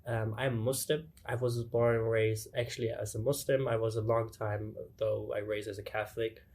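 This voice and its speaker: A man's voice: lowish voice, level tone, normal speed, a little mellow. A young man from Germany, a student guest answering in an earnest way and often searching for words. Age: young adult. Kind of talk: casual interview answers.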